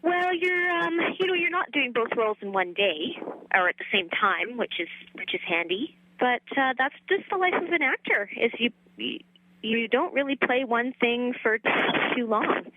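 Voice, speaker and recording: A woman voice actress in her thirties, chatting easily as an interview guest, with relaxed fillers and a light, laughing manner. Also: fairly high pitch, moderate pace, phone-quality sound, slight background noise. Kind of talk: casual interview chat.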